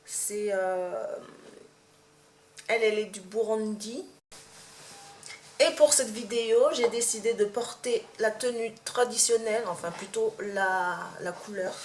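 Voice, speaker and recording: A woman's voice: medium pitch, unhurried. A young woman from Martinique with a Martinican accent, chatting to camera in a casual tag video, hesitant with many fillers and restarts. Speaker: vlogger. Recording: echoey room, faint background hum.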